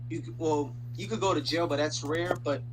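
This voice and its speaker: A man's voice: on the high side, steady tone, a little fast. A young man from the Dominican Republic ranting casually in a video chat, slangy and profane, rambling with lots of fillers. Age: young adult. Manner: slangy, swears a lot, rambles with many fillers. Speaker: random video chat stranger. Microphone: video chat computer mic. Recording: video chat audio with loud background hum.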